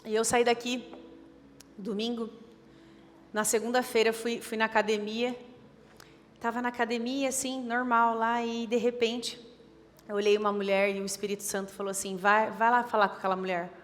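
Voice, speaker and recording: In a church, a woman with a Brazilian Portuguese accent preaches a sermon, urging her listeners and repeating her points with emphasis. Her voice is a little high and level, at a moderate pace, with a big-room sound.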